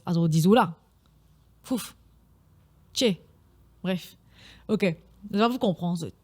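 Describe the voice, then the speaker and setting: A woman's voice: medium pitch, a little mellow. A young woman with a Mauritian Creole accent hosting a casual solo podcast, chatty and often slipping in English phrases. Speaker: podcast host.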